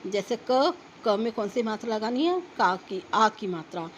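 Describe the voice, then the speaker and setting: A woman teaching a young children's class, slowly spelling out words sound by sound as she reads from a textbook. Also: mid-range voice, big pitch swings, slight background noise, low-quality recording. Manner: slow, careful spelling out of sounds for young pupils. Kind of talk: reading a children's textbook lesson aloud.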